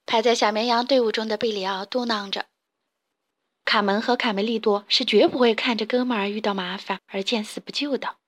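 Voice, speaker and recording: Brief: female narrator for a kids' storybook, gentle and clear, fairly high pitch. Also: steady tone, brisk.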